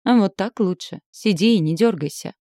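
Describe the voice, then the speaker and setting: A cold, sneering man who threatens in a calm voice, as a woman reading the story gives him a low, dark tone. His menace stays quiet and controlled, and the recording is dry and close, with no room sound. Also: fairly quick, no echo.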